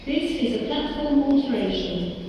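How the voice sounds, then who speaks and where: A woman's formal, measured station announcements played over a public-address loudspeaker on a train platform. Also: sits high, animated. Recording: echoey distant loudspeaker in a noisy station hall.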